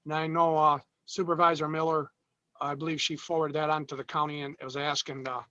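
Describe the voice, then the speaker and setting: A man's voice: on the high side, level tone, sharp tone. Man on a bad, breaking-up call. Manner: halting, pausing often with "uh". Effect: breaking up over a bad video-call connection. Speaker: road advisory committee member giving a report. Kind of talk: informal report at a video-call public meeting. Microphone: video call. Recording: dull lo-fi call audio with faint noise.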